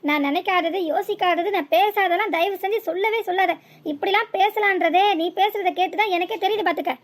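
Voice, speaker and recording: Someone doing a stern cartoon village husband, lectures a lot, southern tamil nadu accent, high fast voice. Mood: lecturing. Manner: scolding, lecturing. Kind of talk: cartoon voice acting.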